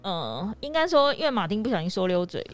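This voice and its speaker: A woman with a Taiwanese Mandarin accent co-hosting a casual podcast chat, her high, piercing voice fast and excitable as she tells stories. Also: soft background music. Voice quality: high, piercing voice that cracks when scolding. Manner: fast, animated, excitable storyteller. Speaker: podcast co-host.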